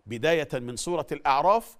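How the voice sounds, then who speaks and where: A middle-aged man speaks with an Egyptian Arabic accent in a fairly high voice, teaching Quran recitation. He explains in an animated way and drills pronunciation by saying the same phrases again and again. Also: quick pace. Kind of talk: Quran recitation lesson with chanted verses.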